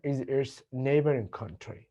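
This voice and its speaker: A man's voice: medium pitch, expressive, warm tone. Bangladeshi man teaching English, lo-fi. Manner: slow, deliberate repetition of example sentences. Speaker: English tutor. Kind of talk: language lesson with model dialogues.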